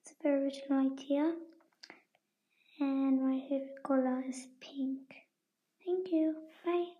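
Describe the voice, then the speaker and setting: Quiet, monotone woman on a dull recording. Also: high-pitched, a little slow. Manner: quiet, formal, polite. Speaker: listener leaving a voice message. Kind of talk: casual voice message.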